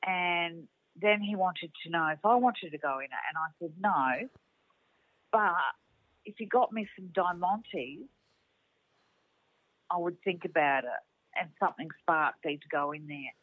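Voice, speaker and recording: A woman's voice: fairly low pitch, measured pace, pauses often, no echo. An older woman from Australia, a guest telling rambling stories in a casual chat over the phone. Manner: rambling storyteller. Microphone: phone call. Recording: dry tinny phone line.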